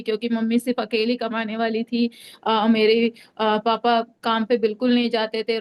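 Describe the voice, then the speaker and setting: A young woman from Delhi shares her personal faith testimony in a smooth, clear, fairly high voice. She speaks with little rise and fall, often pausing on fillers and starting her sentences over. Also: darkish tone. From Delhi, India. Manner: hesitant, many fillers and restarts.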